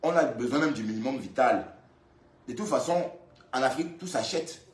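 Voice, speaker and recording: A man from Cameroon commenting casually on a live video, in a middle-pitched voice. He talks in a lively, scolding way, repeating himself and speaking straight to the woman he reacts to. His voice bounces around a roomy, echoey space. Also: normal speed. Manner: lively, scolding and repetitive, addressing her directly. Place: indoors, in Brussels. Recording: roomy echo.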